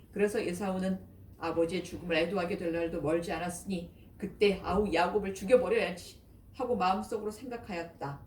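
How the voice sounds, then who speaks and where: A woman reading scripture aloud in a measured way. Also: medium pitch, a little mellow. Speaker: scripture reader. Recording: echoey, distant, faint noise.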